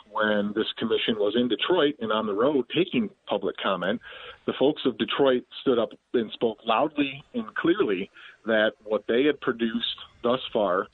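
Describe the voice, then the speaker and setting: A man's voice: medium pitch, vocal fry, slightly rough, no echo. A male activist speaking emphatically in a phone interview, indignant. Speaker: activist guest. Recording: tinny phone line.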